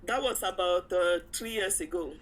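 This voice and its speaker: A woman with a lowish voice speaks at normal speed over a bit of hiss or hum. Appearing as an interview guest, she tells a personal story in a casual, animated way, acting out the dialogue and chuckling frequently.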